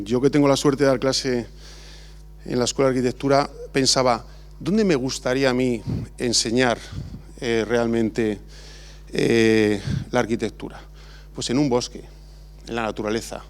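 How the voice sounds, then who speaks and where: In a large exhibition hall, a Spanish architect in middle age delivers an informal acceptance speech full of restarts and filler words. He keeps a measured pace with long pauses. His voice is medium in pitch and his intonation fairly even.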